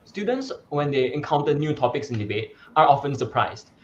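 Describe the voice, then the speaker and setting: A man's voice: fairly high pitch, sing-song, fairly quick, muffled recording, a little hiss or hum. A young man from Malaysia, a debate coach, answering interview questions in an articulate, explanatory way with some fillers and restarts. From Malaysia (Sarawak).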